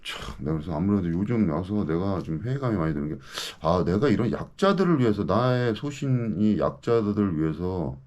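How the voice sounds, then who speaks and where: A man's voice: deep voice, big pitch swings, fairly quick, few pauses, darkish tone, muffled recording. A man in his fifties, a local news commentator, delivering an indignant, ranting monologue and repeatedly demanding answers from his audience. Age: 50s.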